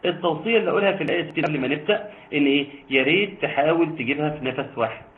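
Man teaching Quran recitation over a tinny line. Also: fairly high pitch. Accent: Egyptian Arabic. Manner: explains quickly, then recites slowly in a chanting voice. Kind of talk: online tajweed lesson with students. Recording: tinny phone-like line, faint noise.

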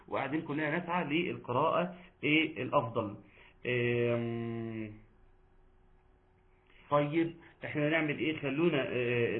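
A man with an Egyptian accent teaching Quran recitation in an online lesson, chatting with the class, quizzing them and chanting verses slowly. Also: mid-range voice. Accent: Egyptian Arabic. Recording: tinny phone-like line.

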